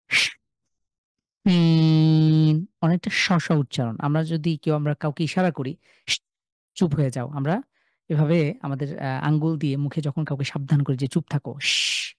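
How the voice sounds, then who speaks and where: A young man with a Bangladeshi Bengali accent, teaching an online class and sounding out each letter slowly and loudly before explaining it. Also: a little high, no room sound. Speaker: Quran recitation teacher. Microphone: video call.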